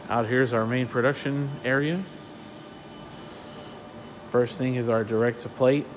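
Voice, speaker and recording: A print shop owner strolls through his offices and warehouse indoors, explaining the equipment in a relaxed, technical way with many fillers. He films on a handheld phone while walking, his medium-pitched voice moving at a measured pace against background noise in this casual tour.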